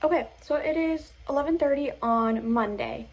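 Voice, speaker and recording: A young woman talks through a casual vlog update in a somewhat high voice. She rambles informally, hesitating and circling back as she goes. The delivery is unscripted and conversational. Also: normal speed, darkish tone, rough recording. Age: young adult. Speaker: vlogger.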